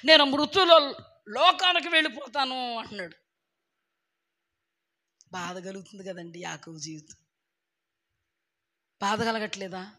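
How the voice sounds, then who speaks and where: Woman preacher, hoarse and straining; forceful, bright, emphatic, heavy on rhetorical questions. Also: mid-range voice. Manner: swings between loud bursts and soft asides. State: hoarse, losing her voice. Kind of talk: sermon.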